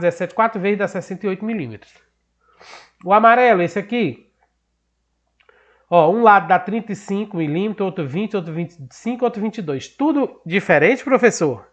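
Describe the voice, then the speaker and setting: A man's voice: high-pitched, fairly bright tone. A man with a northeastern Brazilian accent, a teacher explaining a math lesson patiently, asking and answering his own questions. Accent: Brazilian Portuguese, northeastern.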